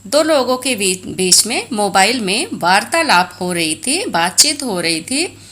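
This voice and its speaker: A woman's voice: medium pitch, very animated, unhurried, a bit bright. A woman with an Indian accent teaching a textbook lesson, explaining in Hindi mixed with English and reading Sanskrit aloud.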